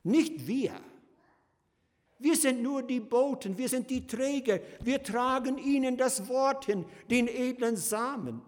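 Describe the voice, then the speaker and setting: A man preaching a sermon, swinging between loud emphasis and hushed, slow passages as he addresses his listeners fondly. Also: very high-pitched. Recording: long hall reverb.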